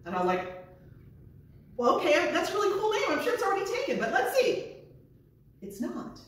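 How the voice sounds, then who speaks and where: A woman's voice: very high-pitched, wildly swooping pitch, normal speed. Woman in her fifties, eager storyteller, echoey small room, distant camera. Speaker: distillery owner. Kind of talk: casual chat. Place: small distillery room, indoors. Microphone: far camera.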